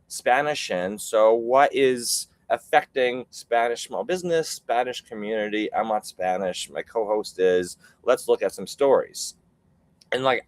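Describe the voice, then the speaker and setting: A man's voice: medium pitch, no echo, rough recording. A Canadian man hosting a live online show, rambling with many fillers and self-corrections. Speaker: host. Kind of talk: casual livestream chat.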